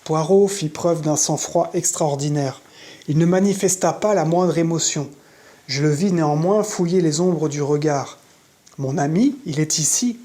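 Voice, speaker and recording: With a medium-pitched voice, the narrator works through a novel for an audiobook, and the scripted storytelling stays even and measured.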